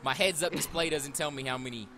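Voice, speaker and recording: A man's voice: fairly high pitch, fast talker, very noisy. A man on a livestream headset mic, grumbling and trash-talking in casual gaming banter. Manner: grumbling, teasing trash talk. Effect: livestream headset mic audio. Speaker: gamer streaming with friends.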